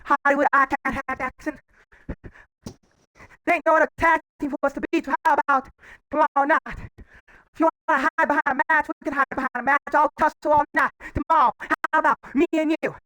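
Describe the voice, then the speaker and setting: High, bright-voiced man taunting in a promo. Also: steady tone, brisk, no echo, rough recording. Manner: defiant, taunting trash talk. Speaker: wrestling promo role-player. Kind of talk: wrestling promo role-play.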